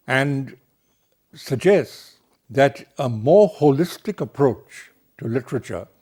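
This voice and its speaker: A middle-aged man lectures on literature at a slow, measured pace. He leans on key words with deliberate emphasis, and his voice sits in an ordinary, mid-range pitch. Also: mellow.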